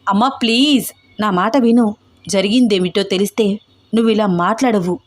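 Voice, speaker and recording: A woman's voice: medium pitch, moderate pace, dry recording, lightly acted. A woman voicing a troubled young man who pleads anxiously with his mother. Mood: pleading.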